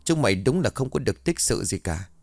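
A gruff, irritable old clan elder, his voice leaping up and down as he scolds, performed by a man reading the story aloud. Every word sounds close and dry. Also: medium pitch, big pitch swings, brisk, a little mellow, no room sound. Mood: scolding. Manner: scolding, grumbling.

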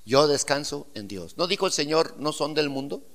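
A man preaching a sermon as pastor, swinging from loud emphatic declarations to quiet asides and putting rhetorical questions to the congregation. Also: fairly high pitch, expressive, moderate pace.

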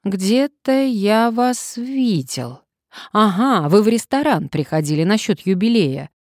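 A woman's voice: fairly low pitch, animated, normal speed, no room sound, clean studio sound. A woman reading an audiobook, voicing an easygoing middle-aged man who drawls his words. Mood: drawling surprise. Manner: drawling, surprised.

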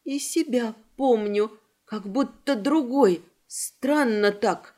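A woman's voice: fairly high pitch, slow pace, a little mellow. A woman reading voicing a frightened, weeping young woman who pleads and sobs. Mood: sobbing. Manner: sobbing, pleading, breathless fear.

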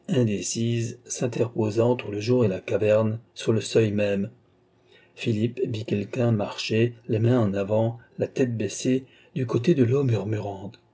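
Husky dark-voiced male narrator. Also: mid-range voice. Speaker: audiobook narrator. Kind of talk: scripted literary narration.

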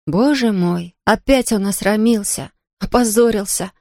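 A woman narrating a children's story in an expressive, steady way. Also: mid-range voice, unhurried, no room sound, clean studio sound.

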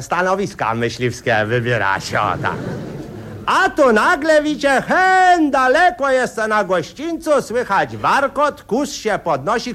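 A man spins a satirical tale in a rambling, folksy way. His voice sits high, and his talk is thick with fillers. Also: fairly bright tone, a little hiss or hum. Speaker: comic storyteller. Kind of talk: satirical radio monologue.

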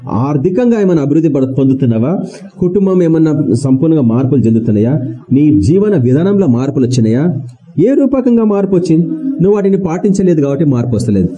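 A man delivers a plain-spoken sermon in a very dark, mellow voice that sits a little high in pitch. He keeps asking the congregation questions and repeats his key words. His talk is casual and drops in English words now and then. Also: lo-fi sound. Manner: colloquial, mixes in English words. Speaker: preacher.

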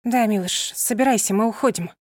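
A woman's voice: fairly high pitch, fairly quick, darkish tone, dry recording, studio quality, natural voice. Woman reading a firm young heroine. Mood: earnest. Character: young determined proud woman.

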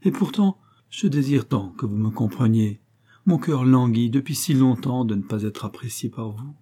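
A man's voice: mid-range voice, normal speed, mellow, breathy edge, natural voice. A man reading aloud, voicing a scheming middle-aged widow who gushes effusively. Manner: effusive, cloying.

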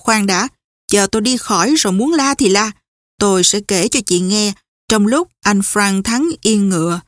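A woman reading a brash young man on the run who talks fast and swears often, in an audiobook. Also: medium pitch, no room sound, studio quality, natural voice. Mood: bitter. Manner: rough, swearing, hurried.

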